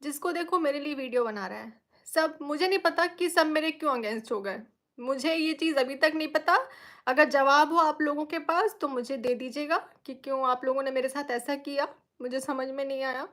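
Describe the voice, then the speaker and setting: A woman's voice: high voice, moderate pace, fairly bright tone. A young woman speaking live from her bedroom, tearful and indignant, pleading with her audience and repeating herself. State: tearful, crying. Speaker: social media creator. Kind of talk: emotional live-stream appeal.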